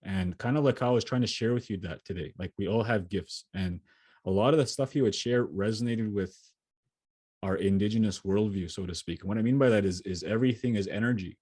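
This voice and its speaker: A man's voice: lowish voice, brisk, a little mellow, slightly rough, no echo. A man giving a motivational keynote from his home setup over a video call, speaking earnestly and often restarting and repeating his words. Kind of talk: motivational talk answering questions.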